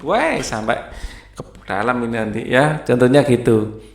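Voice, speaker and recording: A man's voice: mid-range voice, very animated, moderate pace, gravelly. A man explains a school textbook lesson, reading it aloud and singing note names and short song lines. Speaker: teacher. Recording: echoey room with faint guitar music.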